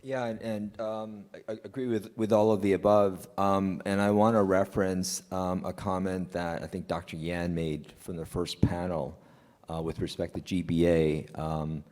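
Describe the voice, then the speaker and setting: A man's voice: deep voice, level tone, normal speed, darkish tone, in a large hall. A man from Taiwan speaking as a conference panelist in an earnest, conversational way with frequent restarts. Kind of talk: panel discussion.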